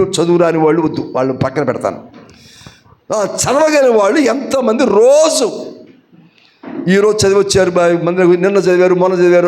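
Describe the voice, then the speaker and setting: A male pastor preaches a sermon in a high, animated voice that swoops up and down. He keeps asking his congregation questions and answering them himself with everyday examples. At times he builds to loud, emphatic peaks.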